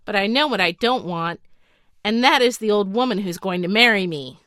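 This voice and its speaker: A woman's voice: mid-range voice, lively intonation, normal speed, a bit bright, dry recording, studio quality, close to an everyday voice. A woman voicing a frightened young boy king in a fairy tale audiobook, plaintive and hesitant. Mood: anxious.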